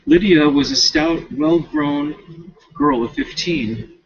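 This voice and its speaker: A student reads a novel aloud in a high, lively voice with a creaky edge, slipping in casual asides. He is expressive but stumbles over words now and then, at a slow pace. The recording sounds dull and lo-fi.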